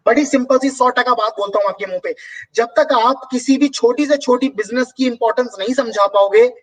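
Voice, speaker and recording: A man's voice: very high voice, brisk, distant mic, low-quality recording. A man hosting a motivational business talk and answering viewer comments, speaking emphatically with rhetorical questions.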